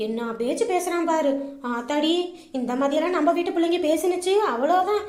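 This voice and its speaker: A woman's voice: very high-pitched, a little fast, darkish tone. A woman acting as a gossiping neighbor who mocks the family in a comedy skit. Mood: gossipy. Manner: gossipy, mocking. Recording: roomy echo.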